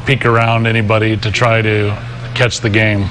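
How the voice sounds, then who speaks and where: Easygoing man over clear background noise. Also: on the low side, completely flat delivery, moderate pace. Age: middle-aged. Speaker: restaurant representative, interview guest. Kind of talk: casual promotional interview. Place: sports bar, remote link. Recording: noisy busy sports bar ambience.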